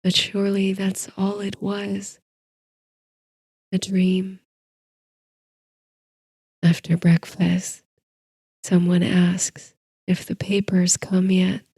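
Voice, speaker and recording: Very slow, hushed woman reading bedtime stories. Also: mid-range voice, completely flat delivery, husky, no room sound. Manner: soft, hushed, soothing delivery with drawn-out pauses. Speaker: sleep story narrator. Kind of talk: scripted bedtime story narration.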